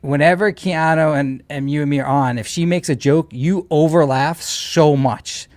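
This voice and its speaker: A man co-hosting a livestream chats casually, full of opinions and teasing. His voice sits on the high side with a darkish tone, moving at a moderate pace, and there's no echo.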